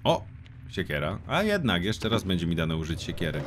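A young man commenting on a horror game as he plays, swearing often, shouting in panic and dropping to a quiet mutter. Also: normal speed, background noise. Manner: excitable, swears a lot, yells in panic, then drops to a low mutter. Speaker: gaming YouTuber. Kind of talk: let's play commentary. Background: game music.

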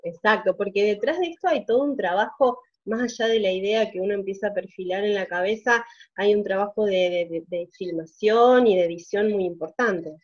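A woman's voice: mid-range voice, brisk, highs cut off. A woman hosting an interview, asking long, winding questions and nodding along with short "ujú"s. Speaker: interviewer, host. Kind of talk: conversational interview.

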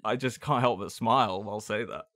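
Low-voiced man, rambling film chat. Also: brisk, fairly bright tone, no room sound, studio quality. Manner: rambling, drops voice low on asides. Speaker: podcast co-host. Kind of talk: casual film discussion.

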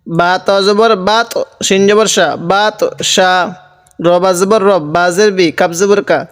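A man's voice: sits high, fairly even intonation, moderate pace, clean tone. A man teaching Quran reading, spelling out Arabic letters one by one and then chanting the words drawn out. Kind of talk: slow spelling-out recitation lesson. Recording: long hall reverb.

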